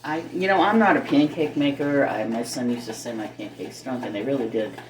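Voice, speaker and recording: In a home kitchen, a middle-aged woman cooks and talks briskly in a rumbling low voice, her casual chat wandering as she thinks aloud. The camera sits a short distance away, leaving the recording roomy and distant, with faint noise and clattering from the kitchen.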